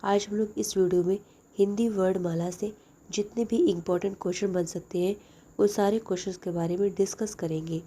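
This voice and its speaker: A young woman with a mellow, warm voice runs through exam-prep questions one after another. She reads each question aloud and then gives its answer in a plain, steady way. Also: medium pitch, a little fast. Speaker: teacher.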